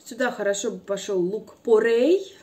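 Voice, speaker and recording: A woman with a Russian accent, a mukbang vlogger chatting softly at home with her mouth full of rice. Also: medium pitch, moderate pace. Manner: soft, chatty, musing aloud. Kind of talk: casual chat while eating.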